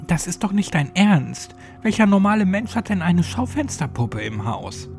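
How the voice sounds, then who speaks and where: A man's voice: a little high, big pitch swings, normal speed, faint music behind, voice pushed up. A man doing an exasperated young woman. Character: young woman, spirited and teasing.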